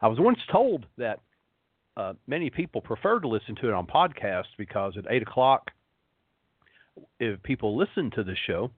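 A man with a resonant, relaxing voice, hosting a rambling talk show in a slow, soothing hypnotist manner. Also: mid-range voice, very animated, husky. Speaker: show host. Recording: phone-like internet radio line, roomy echo.

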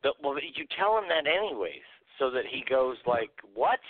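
A man's voice: mid-range voice, very animated, moderate pace, no room sound. A man co-hosting a podcast, ranting bluntly and swearing a lot in casual chat. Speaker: podcast co-host. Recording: tinny phone-like line, dry.

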